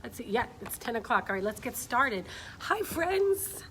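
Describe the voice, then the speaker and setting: Sing-song and a bit bright, a middle-aged woman's voice sits on the high side at normal speed. She chats informally with young listeners and reads aloud from a picture book on a casual story-time livestream, where clear background noise is audible.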